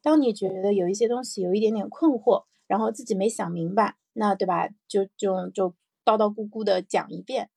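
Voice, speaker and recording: Speaking a little fast and hardly pausing, a woman with a warm, husky, creaky medium-pitched voice hosts her personal morning audio show. It's casual, reflective solo podcast talk, full of repeated phrases and little check-in questions as she thinks aloud. The recording is clean studio sound with no room sound.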